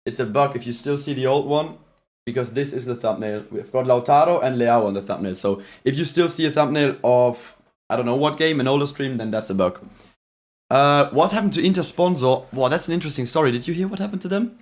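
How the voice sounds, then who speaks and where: A man with a German accent hosts a live stream reacting to a football match, chatting casually and reading out viewer messages with many restarts. His voice is medium-pitched and brisk.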